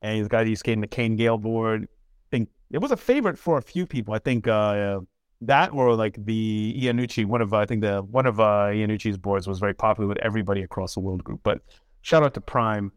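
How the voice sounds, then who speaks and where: A man in his forties co-hosting a casual podcast, animated and slangy, laughing easily. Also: fairly low pitch, a little fast, smooth, dry recording, studio quality. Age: 40s. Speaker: podcast co-host.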